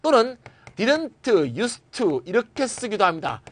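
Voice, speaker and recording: Lively high-voiced man teaching grammar. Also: slow. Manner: lively, switches between formal and casual speech, often asks students to confirm. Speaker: English grammar lecturer. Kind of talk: recorded classroom lecture.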